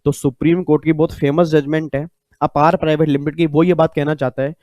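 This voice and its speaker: A man's voice: a little high, flat delivery, quick pace, darkish tone, no room sound. Chatty man tutoring, dry close sound. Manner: chatty, repeats key points, mixes English terms. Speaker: tax tutor. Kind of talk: online exam-prep lecture.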